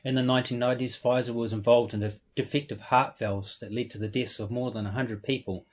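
A man's voice: medium pitch, fairly even intonation, fairly quick, dull audio. A man talking as a guest in an interview. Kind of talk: casual interview talk.

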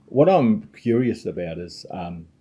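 Husky, very dark-voiced older New Zealand man. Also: sits low, very animated, unhurried. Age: 60s. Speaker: show host. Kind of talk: conversational interviewing.

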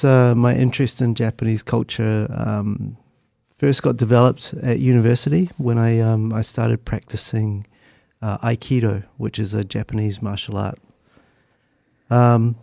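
A middle-aged Christchurch man with a New Zealand accent reminisces as an interview guest, speaking conversationally but hesitantly. His medium-pitched voice is gravelly and dark. The delivery is halting and thoughtful, captured in a dry, clean studio recording.

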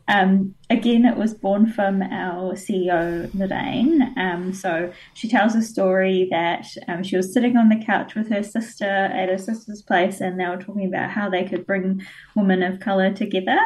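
A woman's voice: medium pitch, distant mic, rough recording. New woman organizer, chatty interview guest, laughs easily, a little off-mic. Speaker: conference organizer. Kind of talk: casual interview answers.

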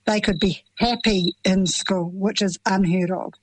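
A woman's voice: medium pitch, fairly even intonation, unhurried, a little hiss or hum, rough recording. A middle-aged woman with a New Zealand accent, speaking earnestly and passionately as a parent in an interview. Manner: earnest, impassioned, plain-spoken. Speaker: parent of children with FASD. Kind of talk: emotional interview answers.

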